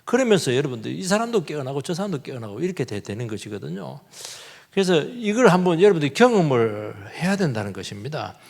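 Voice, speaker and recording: Animated raspy pastor in a reverberant church. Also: male voice, fairly high pitch, quick pace. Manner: animated, acts out quoted voices, shifts between loud and hushed. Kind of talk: sermon. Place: church sanctuary.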